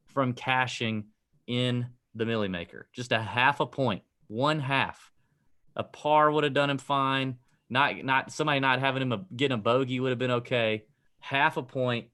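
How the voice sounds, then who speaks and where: A man's voice: mid-range voice, a bit bright. A man co-hosting a casual golf betting podcast, joking and rambling with frequent laughs. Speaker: podcast co-host.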